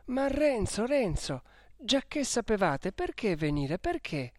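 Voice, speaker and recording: A man reading an audiobook who voices a gentle, devout young woman, pleading in distress. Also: high-pitched, big pitch swings, slow pace, no room sound, studio quality, voice pushed up, full character voice. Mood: anguished pleading. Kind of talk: audiobook character voice.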